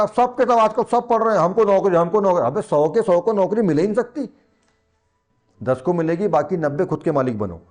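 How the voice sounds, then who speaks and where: Chatty high-voiced male science tutor. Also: darkish tone. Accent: Hindi. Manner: chatty, teasing teacher who talks to students directly. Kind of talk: classroom lesson in Hindi.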